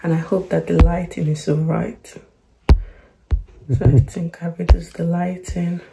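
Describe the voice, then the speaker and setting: Slow gravelly-voiced woman with morning voice. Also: on the low side, level tone, over music. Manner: candid, worried, hopeful. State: just woke up, morning voice. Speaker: vlogger. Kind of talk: casual vlog to camera.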